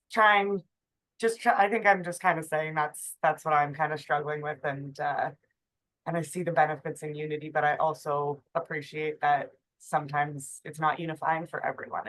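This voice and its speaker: Low-voiced, hesitant woman. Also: a bit bright, poor audio. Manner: searching, hesitant, many fillers. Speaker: new nonprofit manager. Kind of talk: reflective sharing. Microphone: video call.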